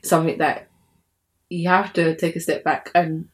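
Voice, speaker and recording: Reflective young woman podcaster, lowish voice. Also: flat delivery, moderate pace. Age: young adult. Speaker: podcast co-host. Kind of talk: casual podcast chat.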